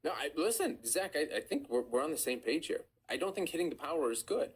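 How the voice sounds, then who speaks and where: A man's voice: fairly high pitch, big pitch swings, breathy edge. An Iranian-American man hosting a live stream, chatting casually with callers and affirming their points. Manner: fast, conversational, affirming callers.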